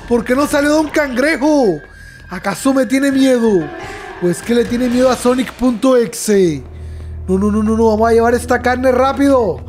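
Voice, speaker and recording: Man, very high voice, excitable let's-play host, soft music underneath. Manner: excitable, keeps addressing viewers as friends. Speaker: gaming channel host.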